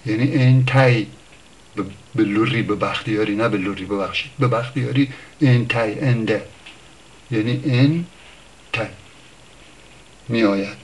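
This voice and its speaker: Speaking at a medium pitch, a male language teacher talks informally about where words come from. He reasons out loud with frequent pauses and self-corrections, raising his voice for examples.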